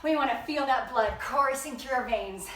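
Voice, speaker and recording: Panting, high, bright fitness instructor woman. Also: normal speed, recorded from a distance, slight background noise. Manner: upbeat, encouraging, panting between cues. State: out of breath. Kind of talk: workout instruction, counting reps. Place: room at home. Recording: echoey room, voice off-mic.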